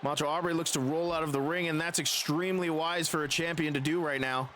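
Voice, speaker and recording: A man calls pro wrestling play-by-play like a ringside commentator. His high-pitched voice is dramatic and excited, built for big announcements. Light background noise sits behind him. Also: quick pace.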